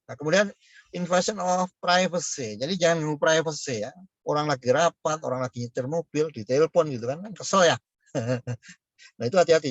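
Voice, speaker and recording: A man with a fairly high voice lectures on business over a video call. He talks in a loose, conversational way, full of fillers and small chuckles. The sound is dry, with no room echo. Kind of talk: online lecture.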